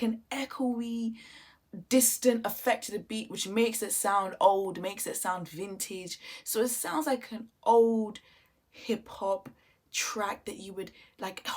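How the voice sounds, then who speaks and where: Woman, music reviewer, casual reaction chat, enthusiastic, thinks aloud, average pitch. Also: measured pace. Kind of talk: casual album reaction commentary.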